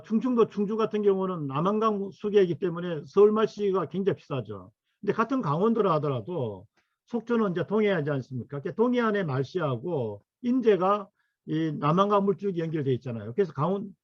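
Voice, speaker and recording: A middle-aged man giving a lecture on regional history and culture, pausing often with fillers and asking for the next slide. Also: sits high, lively intonation, dry recording, dull audio. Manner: halting, full of fillers, asks for next slide. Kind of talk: academic lecture to workshop attendees.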